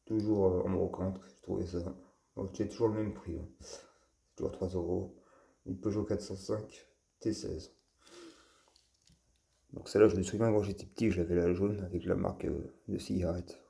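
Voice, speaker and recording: A man hosting his own channel, presenting toy cars in a casual, halting way with many fillers and restarts. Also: deep voice, steady tone, vocal fry, dark tone. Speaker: toy car collector and channel host. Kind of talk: casual show-and-tell vlog.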